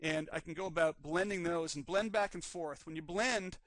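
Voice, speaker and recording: A man teaching a live 3D rigging class, calmly narrating each step on screen while his voice is slightly worn. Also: a little high, moderate pace, no echo. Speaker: 3D rigging instructor. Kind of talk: live screen-recorded software tutorial.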